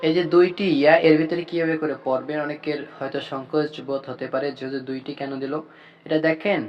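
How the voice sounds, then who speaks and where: A man teaching Quran reading, patiently drilling each letter and repeating points slowly. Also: on the high side, dull audio.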